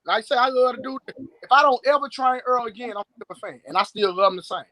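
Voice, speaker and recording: On a live video call, a strength and conditioning coach in his late thirties guests on a stream, bragging forcefully and repeating words. He talks fast in a very high voice with a sharp tone, and there's no room sound.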